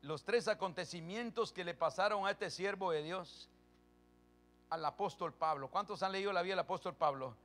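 A man preaching a sermon as pastor, reading Bible verses calmly, then rising to loud, forceful preaching with quick questions to the congregation. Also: sits high.

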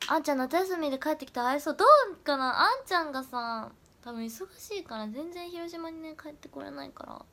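Young woman, high bright voice, casual livestream chat, answers comments, slips into soft whispers, webcam mic. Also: brisk, gravelly, hardly any pauses. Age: young adult. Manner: chatty, often dropping into soft whispers. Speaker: idol trainee livestreamer.

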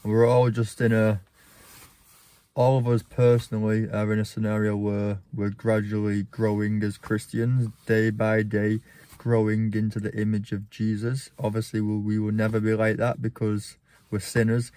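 Speaking at normal speed with a completely flat delivery, this man has a fairly low, warm voice. He's a church vlogger sitting in a parked car, earnestly reflecting to a phone camera held at arm's length, and he uses a lot of ums.

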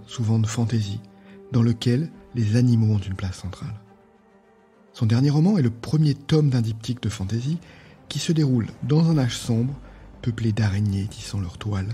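A male podcast host reading a fantasy novel aloud in a calm, measured narration. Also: on the low side.

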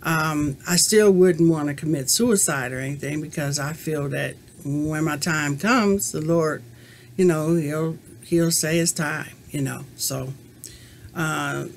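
Answering tag questions for her crochet channel, a woman in her fifties chats to a desk-distance webcam in a small room at home, speaking slowly in a low voice. She's rambling and reflective, dropping "you know" often. Slight background noise can be heard.

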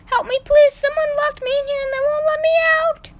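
A woman's voice: very high-pitched, level tone, a little fast, a little hiss or hum, voice pushed up. A woman voicing a panicked young woman who is locked inside a box, shrieking for help and muffled from inside it.

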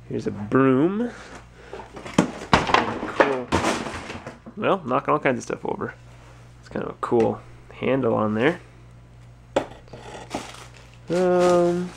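A man's voice: medium pitch, vocal fry, background noise. A man thinking aloud in a casual vlog as he sorts through totes in a cluttered stock room, filmed on a handheld camera. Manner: musing, thinking aloud while sorting. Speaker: resale store owner. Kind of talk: casual narrated unboxing vlog. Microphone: handheld or head-mounted camera.

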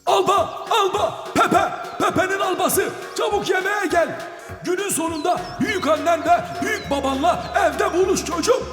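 A woman voicing an old grandmother who calls a child home for dinner from a distance, coaxing and loud. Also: very high-pitched, moderate pace, soft background music, voice pushed up. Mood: calling. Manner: calling out loudly, coaxing. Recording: echoey, hall-like reverb.

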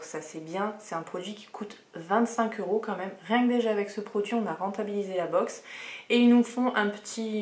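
A woman's voice: medium pitch, darkish tone. Chatty female unboxing host, mid-range voice, recorded in a reverberant room. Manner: chatty, enthusiastic, many hesitations. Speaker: beauty box reviewer. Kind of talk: casual unboxing chat. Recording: roomy echoey room.

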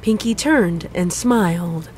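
A woman narrating a fan story in an even storybook reading. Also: fairly low pitch, slow, slight background noise. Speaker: fanfic narrator. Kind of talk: scripted narration.

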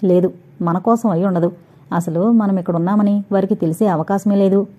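A woman's voice: mid-range voice, steady tone, fairly quick, mellow, husky, lightly acted. A woman voicing a playful young male college student in a dramatized audio novel, joking and teasing. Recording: dull lo-fi recording.

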